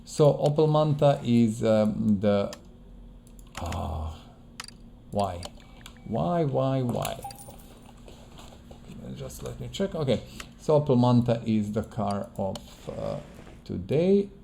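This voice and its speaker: Slowly and with frequent pauses, this gaming host, who isn't a native English speaker, comments casually on his playthrough while fumbling for words and repeating himself. His medium-pitched voice is animated, creaky and mellow, and a little hiss or hum can be heard.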